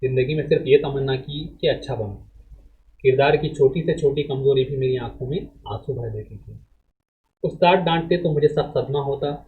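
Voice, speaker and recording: Man teaching in narrow phone-like audio. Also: medium pitch. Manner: measured, explanatory lecture delivery with restarts. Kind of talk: reading a text aloud and explaining it to students.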